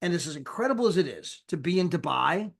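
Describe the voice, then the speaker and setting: A man's voice: on the high side, animated, fast, creaky, slightly rough. A man giving a chatty sales presentation over a screen share, often tagging his points with "right?" and "you know".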